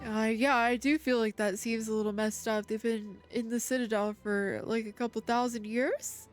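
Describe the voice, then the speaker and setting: Cute high-voiced woman streamer. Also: steady tone, normal speed. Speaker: VTuber game streamer. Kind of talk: casual livestream chat while playing a game. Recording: game music under the voice. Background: video game music.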